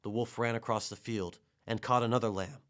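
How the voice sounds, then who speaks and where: A man narrating a children's storybook in a gentle, measured way. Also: on the low side, steady tone. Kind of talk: storybook reading.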